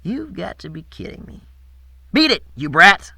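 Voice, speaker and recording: A man's voice: sits high, very animated, unhurried, gravelly, sharp tone, husky, no room sound, voice pushed up, exaggerated voice. A man voicing a rude, blustering young male thug in an audiobook. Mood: sneering.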